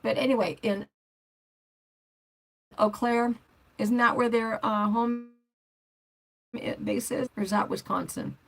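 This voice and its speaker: A woman's voice: fairly high pitch, fairly even intonation, takes it slowly, vocal fry, pauses often. An older woman hosting a casual livestream, rambling and chatty as she reads out viewer comments and answers them. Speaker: motorcycle vlogger hosting a livestream.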